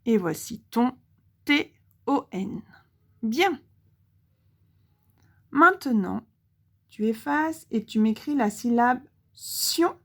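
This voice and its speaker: A woman teaching a lesson for young children with a French accent, speaking clearly and pausing to let the child answer. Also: fairly high pitch, animated, a bit bright. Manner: slow, clearly articulated, pauses for the child to answer. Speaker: primary school teacher.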